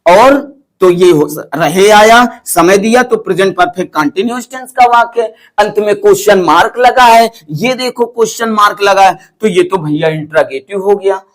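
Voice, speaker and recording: A high-pitched man teaches an English grammar lesson. He keeps quizzing his class, repeating each question and then answering it himself in a coaxing, animated way. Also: normal speed.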